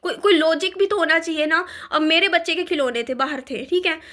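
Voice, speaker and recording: Upset young woman, high bright voice. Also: brisk. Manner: upset, repetitive, stumbling restarts. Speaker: vlogger. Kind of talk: emotional vlog rant.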